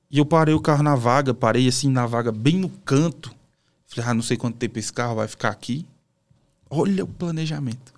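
A Brazilian pastor, appearing as a podcast guest, shares a personal testimony in a casual, emotional storytelling style with colloquial asides. His voice is on the high side, gravelly and darkish, with a Brazilian Portuguese accent.

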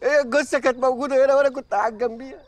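A man's voice: very high voice, steady tone, very fast. An actor playing a panicked man who insists he saw a corpse, speaking with an Egyptian accent. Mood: frantic. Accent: Egyptian Arabic. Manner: frantic, protesting, insistent. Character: panicked man named Abd Saboor, insisting he saw a body. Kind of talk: Egyptian TV comedy acting.

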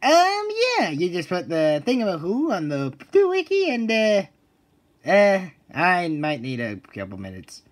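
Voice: mid-range voice, huge pitch swings, measured pace. An actor voicing an eager, naive male sea-sponge driving student in an exclamatory, earnest cartoon style. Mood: eager, nervous. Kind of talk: cartoon voice acting.

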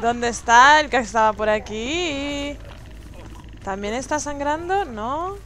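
A woman's voice: high-pitched, lively intonation, slow pace, over music. A young woman with a Spanish accent from Spain, streaming a game and teasing the other players with playful taunts and laughter. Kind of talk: live gameplay commentary. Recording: noisy stream audio.

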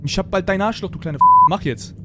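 A man roleplaying in a game, shouting and cursing aggressively in character. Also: sits high, quick pace. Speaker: roleplay streamer. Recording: voice chat over loud game noise.

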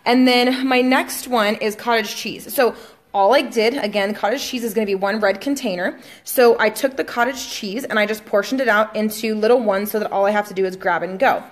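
A young woman speaks fairly quickly in a mid-range voice, a fitness coach giving a casual tutorial from her home kitchen. Her chatter is thick with ums and she addresses viewers as "guys," recording on a phone held out at arm's length.

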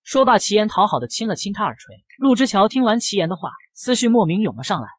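Fast, lively male story narrator. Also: sits high, no echo, studio quality.

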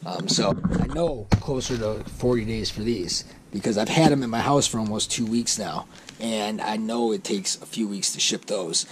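A man in his thirties, a vlogger, sits on a boat in his home garage unboxing fishing gear and chatting casually, rambling and correcting himself in an easygoing way. His voice is lowish and moves at normal speed. He's recorded on a wearable action camera, with crinkling packaging crackling over his voice.

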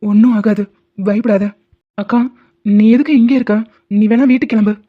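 A woman's voice: medium pitch, steady tone, normal speed, close to an everyday voice. A woman voicing a caring young husband in a cartoon drama, speaking firmly and reassuringly. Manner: firm, reassuring. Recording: dull lo-fi sound.

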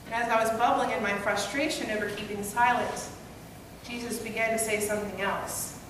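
At a church pulpit, a young woman pastor delivers a sermon as a first-person dramatic monologue in the role of Peter, telling the story in an earnest, conversational way. Her voice is a little high, brisk, and fairly even in intonation. A gooseneck pulpit mic and a far-off camera capture her in an echoey hall, so the sound is distant and noisy.

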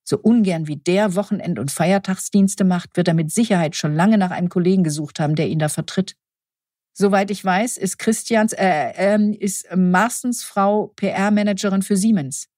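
A woman reading the part of a female hospital lab doctor who talks briskly and matter-of-factly. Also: medium pitch, a little mellow, no room sound, studio quality, lightly acted. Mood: chatty.

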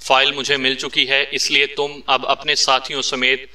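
A man's voice: mid-range voice, monotone, moderate pace, pushed and bright. A man voicing a cold, stern male spy chief in a read-aloud story, speaking curtly and commandingly. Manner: curt, commanding. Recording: distant mic.

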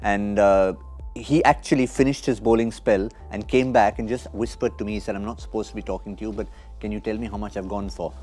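A man's voice: on the low side, fairly even intonation, a little fast, a little mellow, faint music behind. A man in his forties hosting a cricket studio panel, telling anecdotes and steering the talk. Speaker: host. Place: TV studio, indoors. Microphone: lapel mic.

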